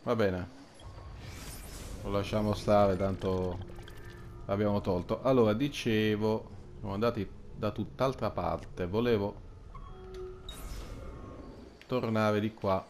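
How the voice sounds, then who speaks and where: Low-voiced man muttering game commentary. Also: fairly even intonation, slow pace, pauses often, darkish tone. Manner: muttering to himself in short phrases. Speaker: video game player. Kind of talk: casual gameplay commentary. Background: game music.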